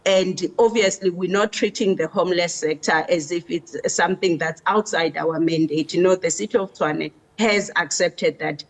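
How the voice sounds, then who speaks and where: A woman from Africa, giving measured, explanatory interview answers as a city official. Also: lowish voice.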